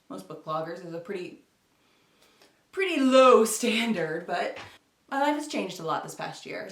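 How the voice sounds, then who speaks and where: A book vlogger chats informally and self-deprecatingly to camera in a medium-pitched woman's voice. The recording is roomy and echoey from a distant microphone, with a noisy background.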